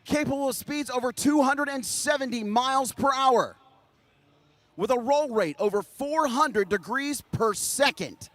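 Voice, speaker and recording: A man giving excited live air show commentary with punchy emphasis, hyping up the crowd as announcer. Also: very high voice, measured pace, dry recording.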